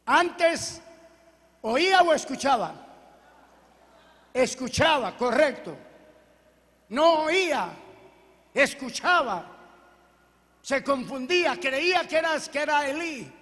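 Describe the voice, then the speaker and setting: A man's voice: very high voice, animated, slow pace, pauses often, bright, forceful tone, in a large hall. A man preaching a sermon as pastor, reading scripture aloud and questioning his congregation. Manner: preaching with call-and-response questions and Bible reading. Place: church hall.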